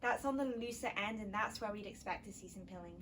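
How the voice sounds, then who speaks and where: A woman's voice: mid-range voice, quick pace, background noise. A woman co-hosting a knitting podcast, explaining practical yarn tips in casual chat. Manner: practical, explanatory, warm agreement. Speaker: podcast co-host, yarn shop owner.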